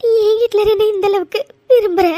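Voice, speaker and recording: A performer voicing a young injured wife in a cartoon love story, soft, pleading and apologetic. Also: very high voice, fairly even intonation, brisk, slight background noise. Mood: quiet. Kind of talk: cartoon voice acting.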